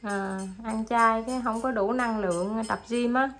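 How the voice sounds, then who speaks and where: A woman's voice: fairly high pitch, fairly even intonation, unhurried, a bit bright, soft background music. A woman with a Southern Vietnamese accent, chatting to viewers in a casual home vlog. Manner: chatty, addresses viewers directly. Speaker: vlogger.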